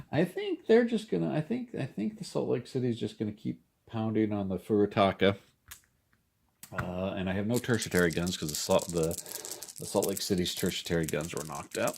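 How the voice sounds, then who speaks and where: Gravelly low-voiced man hosting wargames. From Denver, US. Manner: relaxed, rambling, yawning, thinks aloud. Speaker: board game video host. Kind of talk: casual wargame playthrough.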